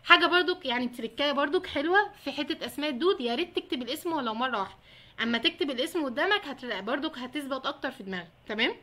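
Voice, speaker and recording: A woman's voice: sits high, lively intonation, racing, pushed and bright. A young woman with an Egyptian Arabic accent, a veterinary student giving chatty study advice straight to her viewers and laughing often. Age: young adult. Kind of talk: casual advice vlog.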